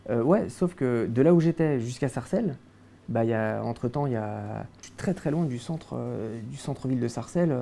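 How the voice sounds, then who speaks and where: A man's voice: medium pitch, expressive, brisk, creaky, warm tone. A young man from France, a guest in a casual interview, recounting his childhood with many hesitations and restarts.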